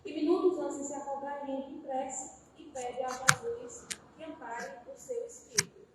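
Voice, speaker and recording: A woman with a high voice preaching at a spiritist center, telling a parable expressively. The recording is very echoey and distant, with steady noise in the background. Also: moderate pace. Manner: expressive, addresses listeners as brothers. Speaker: spiritist speaker. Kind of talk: sermon with parable storytelling.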